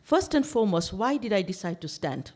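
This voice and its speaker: In a community main hall, a woman raised in Tanzania gives a campaign speech as an election candidate to a gathering of seniors. Her middle-pitched voice is forceful, insistent, very animated and brisk. Emphatic throughout, she piles up long lists and repeats words to drive each point home.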